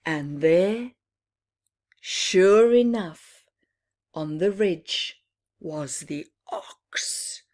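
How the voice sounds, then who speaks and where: In a fairly low pitch, a woman reads aloud from a picture book to little children. Her storytime style is animated, with dramatic pauses and small explanations along the way.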